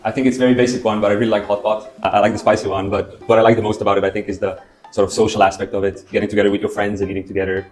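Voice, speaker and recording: A young man from Slovenia, an international student, chatting casually in a relaxed, reflective way. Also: fairly low pitch, rapid-fire. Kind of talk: casual group chat.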